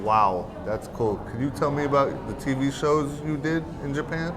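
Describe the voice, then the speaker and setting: Homme animateur d'interview, ton enjoué et réactions rapides, bruit de fond marqué. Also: male voice, mid-range voice, fairly even intonation. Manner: upbeat, with quick reactions. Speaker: host and interviewer. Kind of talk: casual street interview. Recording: clear background noise.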